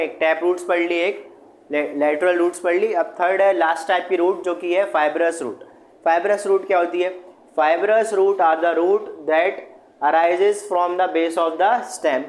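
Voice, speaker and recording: एक अध्यापक, ऊँची आवाज़, सवाल पूछकर खुद जवाब देता. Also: male voice, sits high. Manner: asks the class questions and answers them himself; mixes English terms into explanations. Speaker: teacher. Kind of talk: online class lesson.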